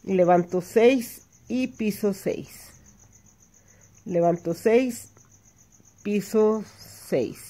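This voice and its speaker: A woman's voice: mid-range voice, very slow, long pauses, warm tone. A woman teaching hand embroidery step by step, patiently counting stitches aloud and checking in with her listeners. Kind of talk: step-by-step craft tutorial.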